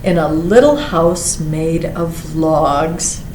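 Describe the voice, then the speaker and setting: At library storytime, a woman with a low voice reads a picture book to children slowly and deliberately. She's expressive, drawing out words and adding brief asides. The room echoes noticeably, with faint background noise.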